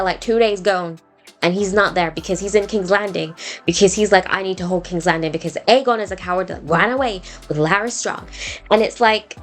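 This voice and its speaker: A woman hosting a podcast, recapping and critiquing a TV episode in a chatty, opinionated way, full of fillers and quick acted-out quotes. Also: medium pitch. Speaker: podcast host. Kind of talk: casual TV recap and commentary.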